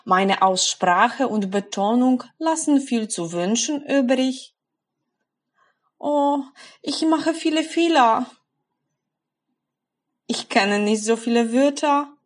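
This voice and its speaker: A woman's voice: a little high, animated, slow pace, long pauses, pitched above the performer's own voice. A woman voicing an anxious female language learner who frets about her own mistakes. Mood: worried. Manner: fretful, rising complaint.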